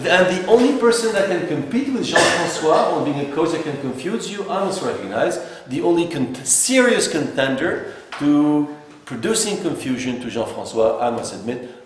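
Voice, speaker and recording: A man from Algeria leading a philosophy workshop, lecturing a group in a wry, teasing way. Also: a little high. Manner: teasing, wry, laughs between remarks. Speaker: philosophy seminar leader. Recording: echoey room, from far off, faint hiss.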